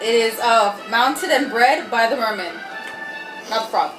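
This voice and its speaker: Tipsy from wine, a high-voiced woman reads erotic fiction aloud dramatically as host of a comic group reading, unhurried, giggly and irreverent, breaking off to make joking comments. The distant-mic recording sounds roomy, with faint background noise and music playing behind her.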